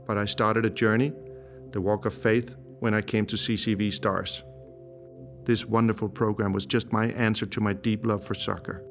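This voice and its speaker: A man in his forties from Denmark, a native Danish speaker, reading a measured, reflective testimony. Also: lowish voice. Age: 40s. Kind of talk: scripted testimony narration. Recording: voice-over with guitar music behind.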